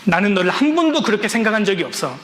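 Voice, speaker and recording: A man's voice: medium pitch, fast talker, bright, forceful tone, slight background noise, lightly acted. A man voicing a loving middle-aged father who reassures his son while crying. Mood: tender. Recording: long reverb in a large hall.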